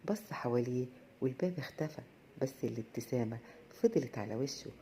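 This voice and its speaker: A woman with an Egyptian Arabic accent narrates a children's bedtime tale in a gentle storytelling cadence. Her voice sits low for a woman. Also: expressive, fairly quick, a little hiss or hum.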